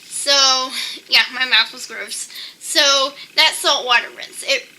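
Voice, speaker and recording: A woman's voice: high-pitched, takes it slowly, sharp tone, slight background noise, rough recording. A young adult woman giving tips in a casual, chatty monologue, peppering her sentences with "like". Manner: chatty, with frequent "like". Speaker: vlogger sharing personal tips.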